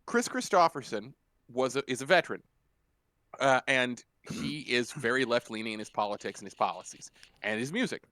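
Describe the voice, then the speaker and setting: A podcast co-host telling a story in casual chat, animated and profane, acting out the quotes in loud bursts. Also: male voice, mid-range voice, normal speed, no echo.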